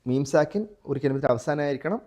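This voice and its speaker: A man's voice: a little high, darkish tone. Malayali man teaching a tajweed class. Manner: asks students questions, then chants Quran examples slowly. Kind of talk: live class lesson with students.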